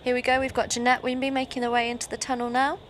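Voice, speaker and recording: A woman's voice: on the high side, little pitch movement, fast, slight background noise. Explanatory woman sport commentator. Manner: explanatory, fluent. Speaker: event commentator.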